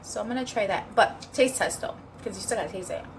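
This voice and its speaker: A woman's voice: medium pitch, fast talker, a little hiss or hum. A woman chatting casually in a home cooking vlog, upbeat and rambling with fillers, at times talking while she eats. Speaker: vlogger.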